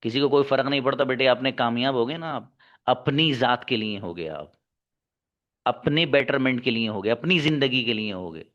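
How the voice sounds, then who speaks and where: A man teaching English lectures his class at a moderate pace in an animated, somewhat bright mid-range voice. He scolds, exhorts the students to work hard, and calls them son and daughter, all captured on a dull lo-fi recording.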